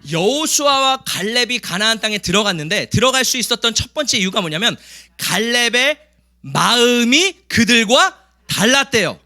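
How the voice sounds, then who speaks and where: Bright, lively-voiced male pastor preaching. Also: high voice, a little fast. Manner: emphatic, asks the congregation questions; acts out the grumbling people in a raised voice. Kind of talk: sermon.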